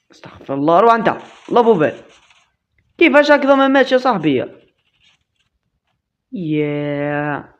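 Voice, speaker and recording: A man with an Algerian accent giving excitable gameplay commentary, shouting and making gunfire noises with his mouth. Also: extremely high pitch, lo-fi sound. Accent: Algerian Arabic. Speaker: gaming channel host.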